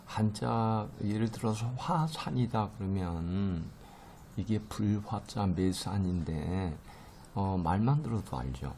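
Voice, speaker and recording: A man's voice: lowish voice, lively intonation, slow pace, mellow, a little hiss or hum. A middle-aged man teaching a recorded lecture, explaining terms patiently with many fillers and stressing English words strongly.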